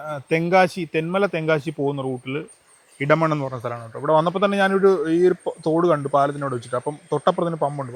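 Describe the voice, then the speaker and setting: A man from Kerala with a hoarse voice, chatting casually with many fillers while filming a travel vlog on a handheld camera outdoors. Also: a little high. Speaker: travel vlogger. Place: outdoors by a roadside petrol pump and stream.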